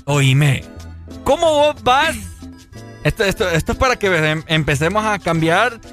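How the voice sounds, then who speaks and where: A Honduran-accented man co-hosting a casual show. His voice is high and bright with a very lively pitch. He tells jokey stories over faint music. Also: unhurried. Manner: lively, storytelling, joking. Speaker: radio co-host. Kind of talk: casual chat on air.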